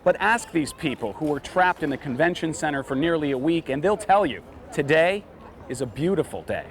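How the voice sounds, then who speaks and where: A man delivering scripted television news reporting with measured, dramatic emphasis. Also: a little high, animated. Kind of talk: scripted broadcast news narration.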